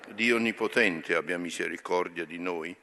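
Deep-voiced priest solemnly intoning prayers. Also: male voice, normal speed, bright, forceful tone. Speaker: priest leading Mass. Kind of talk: liturgical prayer.

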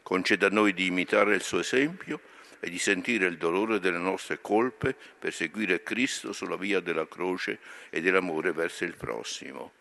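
A man leading Mass as priest, speaking liturgical prayers in a solemn, measured intoning manner. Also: low voice, creaky, bright, forceful tone.

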